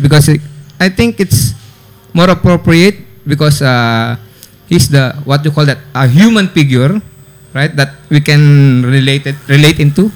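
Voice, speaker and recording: A man with a Filipino accent, a teacher answering questions in a casual school radio interview, playful and joking, often restarting his sentences. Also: a little high.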